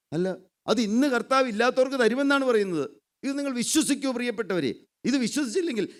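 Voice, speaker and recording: A man preaching a sermon, fervent and pleading, repeating his points. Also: high voice.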